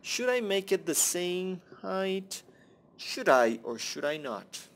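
A young man hosting a Minecraft let's-play rambles and swears to himself as he commentates on his building, often muttering under his breath. His voice sits high, with big pitch swings, a slow pace and a fairly bright tone.

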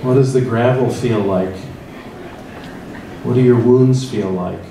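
A middle-aged priest with a Midwestern American accent and a medium-pitched voice leads a church forum of guided meditation and interactive talk in a large hall full of tables. Filmed on a handheld mic from far across the room, his slow, reflective second-person storytelling echoes strongly off the walls over a steady layer of room noise.

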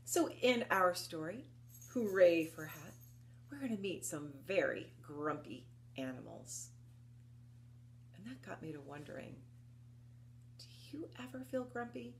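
A woman with a fairly low voice hosts a children's story time indoors, in a cozy home room lined with books, and a slight hiss or hum sits under the recording. Her delivery is slow, deliberate and expressive, full of encouragement, with a melody that climbs and dips as she reads picture books and rhymes and questions the young audience.

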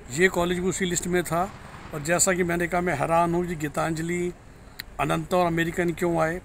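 A man's voice: sits high, fairly bright tone, a little hiss or hum. A middle-aged man, a career counselor, talking bluntly to a phone camera outdoors in a parking lot. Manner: blunt, frank and warning. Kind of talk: direct-to-camera review vlog. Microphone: handheld phone camera at arm's length.

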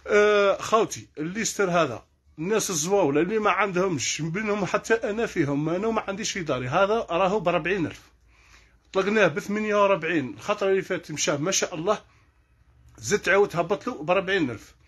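Algerian shopkeeper, male, husky voice, races through prices on a live sale. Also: high voice, a bit bright. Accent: Algerian Arabic. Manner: rattles off prices in quick succession. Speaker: kitchenware shop owner. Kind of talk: live sales stream.

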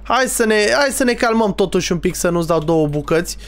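A young man giving casual, excitable gaming commentary, teasing other players and talking to his viewers. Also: high voice. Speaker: streamer playing a Minecraft role-play server.

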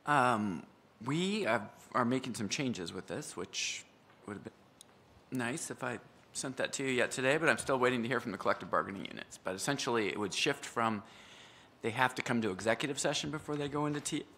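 A man serving as council president, explaining an ordinance in a council meeting, halting and hedging as he talks, with the hiccups. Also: medium pitch, animated, pushed and bright. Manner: halting, hedging speech with restarts. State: has hiccups.

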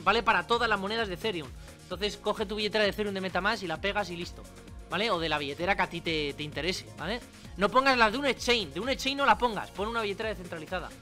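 Chatty bright-voiced man explaining. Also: sits high. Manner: chatty, informal, many asides and tag questions. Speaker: crypto channel host. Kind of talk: screen-recorded tutorial.

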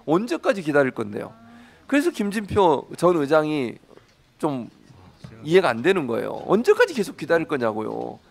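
A man with a gravelly, fairly high voice talks through live parliament footage. He argues with pointed rhetorical questions and chats about what is on screen. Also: wildly swooping pitch, normal speed. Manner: heated, indignant arguing with rhetorical questions; chatty, amused play-by-play. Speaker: live political commentator.

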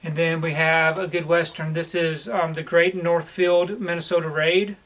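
Sitting at home among shelves, a man in his forties talks to the camera for a casual haul video as a collector vlogger. He sounds relaxed and plain, often pausing with "um," and his voice sits fairly high for a man.

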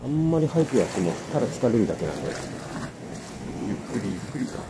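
A man talking casually to his viewers as he fishes from the rocks, explaining each catch and how to work his lure. His pitch rises and falls a lot as he talks. Wind and crashing waves come through loudly on his body-worn camera. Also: very animated, fast talker. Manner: chatty, explains technique to viewers while reeling. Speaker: fishing vlogger. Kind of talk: casual fishing commentary. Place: rocky seashore outdoors. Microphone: body-mounted action camera. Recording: windy seaside with wave noise.

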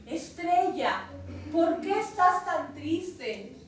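A woman with a Mexican Spanish accent voicing a kindly female cloud who talks in a reassuring, gently playful way, recorded from afar in an echoey room. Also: very high voice, big pitch swings, extremely slow, slight background noise, heavily acted. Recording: echoey room, distant mic.

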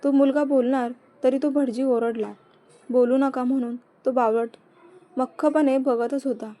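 A woman voicing Pooja, a teasing, quick-tempered young woman, in a storybook reading. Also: sits high, steady tone, mellow. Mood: chatty. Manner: chatty, teasing.

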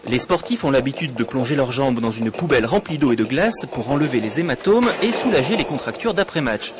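Male news narrator over loud ambience. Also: medium pitch, expressive, a little fast. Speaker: news reporter doing voice-over. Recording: voice-over over very loud location noise.

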